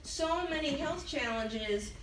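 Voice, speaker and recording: Her voice high and lively in intonation, an older woman speaks slowly to a sales training audience, sharing her personal story with candor, emotion, and laughs. The recording comes from a distant mic in an echoey hall with slight background noise.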